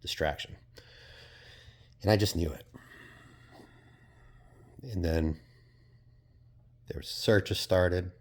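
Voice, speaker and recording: Speaking very slowly with long pauses, this man from Portugal has a deep voice. His vlog is a laid-back, thoughtful ramble, hesitant and packed with fillers and offhand curses.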